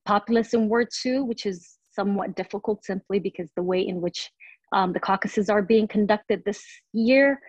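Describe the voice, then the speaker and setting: A woman in her thirties from Somalia answers interview questions as a city council candidate, speaking earnestly with lots of "um" fillers and restarts. Her voice is mid-range at a moderate pace, with no room sound, and the audio is dull and lo-fi.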